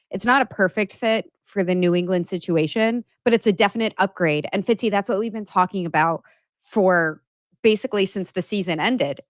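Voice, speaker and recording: A woman co-hosting a casual sports podcast, measured and analytical as she talks things through. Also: mid-range voice, no room sound. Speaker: podcast co-host and writer.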